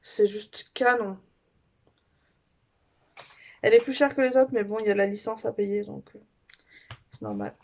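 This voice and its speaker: A woman beauty vlogger chatting casually through a makeup haul review, gushing and filling pauses with little fillers. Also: mid-range voice, darkish tone.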